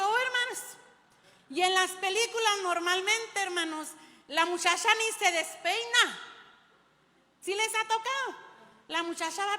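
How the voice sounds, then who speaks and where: A woman preaching in a very high, bright voice. She tells stories from the pulpit and keeps turning to her listeners as "brother". Her voice carries a long reverb from the hall. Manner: storytelling, often addresses listeners as brother. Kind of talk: sermon.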